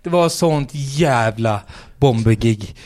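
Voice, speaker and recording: A man's voice: medium pitch, lively intonation, a little mellow, no room sound, studio quality. A man, a stand-up comedian telling a story in casual chat, swearing freely and acting out the quotes.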